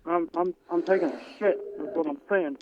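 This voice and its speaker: A man with a high voice calls in over a muffled, hollow phone line that sounds like a headset. Clear noise runs under his voice. He talks hesitantly and stammers, keeping a deadpan tone. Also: normal speed. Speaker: prank caller. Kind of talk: call-in to a live show. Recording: noisy phone call.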